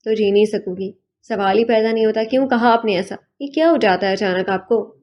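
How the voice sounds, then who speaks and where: A woman voicing a devoted young wife in an audiobook, with a gentle, heartfelt and tearful delivery. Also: mid-range voice, lightly acted. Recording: dull lo-fi recording.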